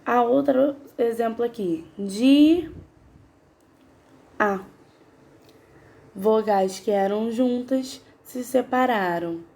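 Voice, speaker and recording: A woman's voice: on the high side, vocal fry, mellow. A woman teaching a grammar lesson, patiently sounding out syllables one by one and asking her students questions. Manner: patient, spells out syllables slowly; asks the class questions.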